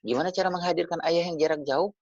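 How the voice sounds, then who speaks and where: A man's voice: a little high, rapid-fire, creaky, a little mellow, dry recording. A man giving a religious parenting talk over a video call, chatty, turning to his listeners with tag questions as he goes. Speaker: parenting speaker. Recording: dull lo-fi video call audio.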